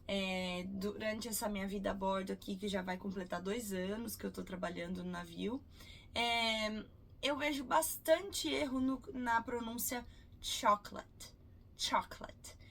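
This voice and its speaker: Brazilian woman teaching English, slightly gravelly. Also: medium pitch, fairly even intonation. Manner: patient, repeats example words slowly. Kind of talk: casual video lesson. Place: cruise ship.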